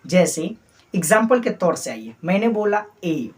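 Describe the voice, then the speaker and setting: A man's voice: high-pitched, big pitch swings, a little slow. Man, English teacher, spoken English lesson, repetitive drilling, call-and-response, rhetorical questions. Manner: drills letters by repeating them, call-and-response; firm, coaxing classroom tone with rhetorical questions.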